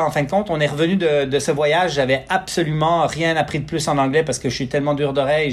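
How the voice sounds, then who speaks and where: A middle-aged man with a Québécois accent, telling his story as an interview guest in a rambling, filler-heavy way. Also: a little high. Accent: Québécois French. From Quebec, Canada. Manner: rambling, many fillers and restarts, self-deprecating. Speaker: guest, physiotherapist and clinic founder.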